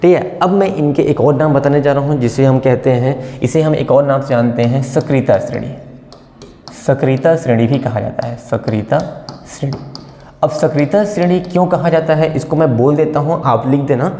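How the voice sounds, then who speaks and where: A man's voice: mid-range voice, mellow. Man teaching chemistry in an echoey room. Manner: repeats key terms slowly while writing; checks in with "ठीक है". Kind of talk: whiteboard lecture. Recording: echoey room with long reverb.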